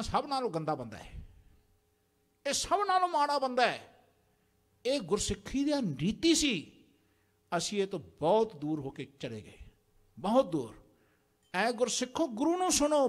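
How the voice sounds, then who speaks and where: A man's voice: extremely high pitch, sing-song, moderate pace, pauses often. A man preaching a sermon in a large temple prayer hall, exhorting the congregation and having them repeat lines after him. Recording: long hall reverb.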